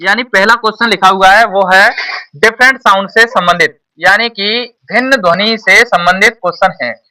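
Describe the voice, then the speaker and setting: Bright-voiced male tutor, heard from afar. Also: high voice, moderate pace, recorded from a distance. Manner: repeats points and asks the class questions. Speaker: tuition teacher. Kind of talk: classroom exam-prep lesson.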